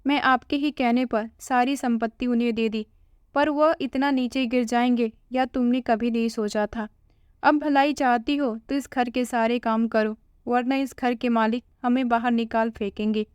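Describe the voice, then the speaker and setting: A woman's voice: fairly high pitch, fairly even intonation, normal speed, darkish tone, smooth, no echo, natural voice. A woman voicing a sick, elderly father-in-law who speaks in a weary, resigned way.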